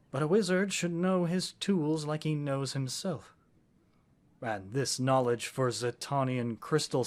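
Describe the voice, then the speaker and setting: Voicing a scholarly wizard boyfriend for a fantasy audio roleplay, this man speaks in a natural, mid-pitched voice with gentle, courtly wording. His tone is earnest and tender, intimate and loving, as though addressing a beloved companion.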